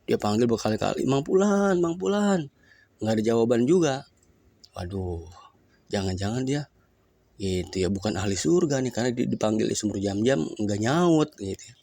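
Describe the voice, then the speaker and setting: A man's voice: on the low side, expressive, moderate pace, mellow, no room sound. A man, a preacher telling a religious story in a casual way, reciting Arabic phrases and then explaining them.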